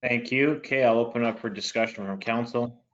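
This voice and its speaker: A man chairing a municipal council meeting in a flat, monotone way, reading items and calling votes. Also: medium pitch, a little fast, lo-fi sound. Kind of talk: formal meeting procedure.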